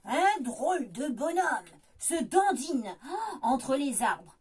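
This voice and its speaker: A woman reading a children's story aloud, lively, doing the voices herself. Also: high voice, takes it slowly. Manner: lively, voices many figures.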